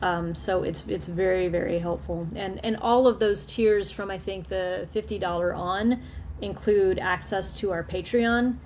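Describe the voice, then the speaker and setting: A woman's voice: mid-range voice, a little slow, darkish tone. Chatty woman filmmaker guest, restarts a lot, laughs easily, video call sound with faint noise behind. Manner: chatty, repeats words and restarts, laughs often. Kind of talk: casual video call interview.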